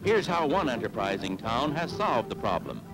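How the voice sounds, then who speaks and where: A man's voice: medium pitch, very animated, normal speed, rough recording. A man in an old newsreel style, announcing each item with emphatic mock-serious delivery. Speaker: newsreel narrator. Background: music.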